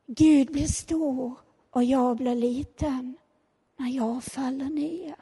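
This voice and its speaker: Woman pastor, high and fervent, preaching in a big echoing church. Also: steady tone, breathy edge. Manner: passionate, swings between soft and loud. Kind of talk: sermon. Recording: long hall reverb.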